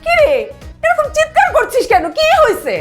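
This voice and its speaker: A woman's voice: very high voice, very animated, normal speed, faint music behind. An exasperated doting mother. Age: middle-aged. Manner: exasperated, teasing. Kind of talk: TV drama acting.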